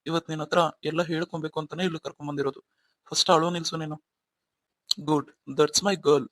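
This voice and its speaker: A man's voice: on the high side, flat delivery, racing, a bit bright, no room sound, natural voice. A man voicing a remorseful young husband in a cartoon story, coaxing and pleading with his wife.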